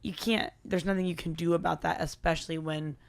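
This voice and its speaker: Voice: medium pitch, steady tone, a little fast, vocal fry. A podcast host in casual chat, affirming and talking with many "like" fillers.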